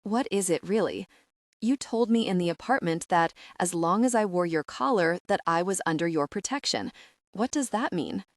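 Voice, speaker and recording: Narrator doing shy young woman, soft and unsure, bit higher, dry close sound. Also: animated, normal speed, no echo, lightly acted. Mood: soft, hesitant. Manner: soft and hesitant.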